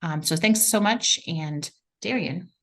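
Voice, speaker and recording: A woman's voice: fairly low pitch, unhurried. A woman hosting a live webinar, enthusiastically reading out chat responses. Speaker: webinar facilitator.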